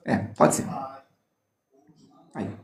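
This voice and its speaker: A man teaching a drawing lesson on reflections, explaining step by step and joking with viewers as he demonstrates with a mirror. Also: very slow. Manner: playful, jokes with viewers while demonstrating. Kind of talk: live online art lesson.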